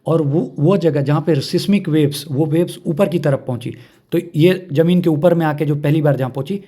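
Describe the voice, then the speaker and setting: Mellow-voiced male exam-prep teacher. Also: fairly high pitch. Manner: repeats key points, checks understanding with questions.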